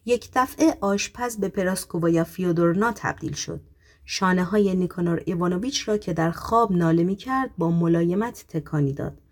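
A woman narrating an audiobook in a measured, even reading voice. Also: fairly low pitch. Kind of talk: scripted narration.

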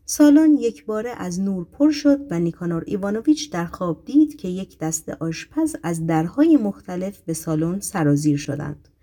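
Woman, audiobook narrator, measured, even reading, mid pitch. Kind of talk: scripted narration.

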